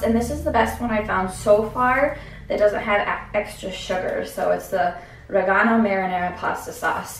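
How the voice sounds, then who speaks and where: In a casual grocery haul vlog, a young woman talks through her purchases, musing aloud with plenty of fillers. Her high-leaning voice comes from a distance, caught by a camera a few steps away in her echoey kitchen, with a little hiss or hum.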